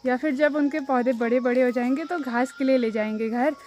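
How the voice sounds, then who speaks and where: A woman's voice: high-pitched, fairly quick, a little mellow, slight background noise. A young woman, vlogging casually outdoors in a hillside farm field and chatting to her viewers as friends. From Uttarakhand hills, India. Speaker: village lifestyle vlogger. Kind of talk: casual explanatory vlog chat.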